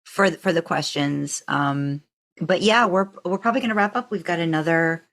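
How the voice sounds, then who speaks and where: A woman with a lowish, slightly bright voice co-hosts a podcast at a normal pace, talking casually and conversationally. The clip is relaxed chat leading into the podcast's sign-off.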